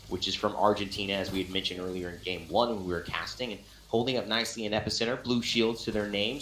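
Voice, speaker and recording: A man's voice: medium pitch, a bit bright, roomy sound, slight background noise, poor audio. A man working as an esports caster, giving analytical live commentary on a match.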